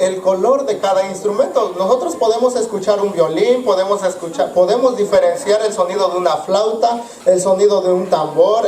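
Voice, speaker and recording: High-voiced man teaching in a roomy hall. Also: a little mellow. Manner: halting, many fillers, addresses listeners as brothers. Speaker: church music teacher. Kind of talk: live teaching in a congregation. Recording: roomy sound from a distance, with music.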